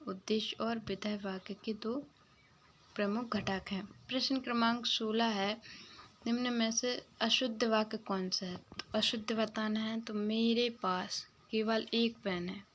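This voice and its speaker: A woman teacher with a higher voice reads out exam questions and then explains each answer. She drops into a soft whisper now and then. A faint background hum sits under the recording. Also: steady tone, unhurried.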